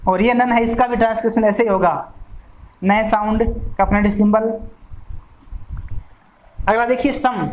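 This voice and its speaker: A woman teaching an exam-prep phonetics lesson, going through each sound slowly and deliberately. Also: medium pitch. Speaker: English teacher. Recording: echoey room with faint noise.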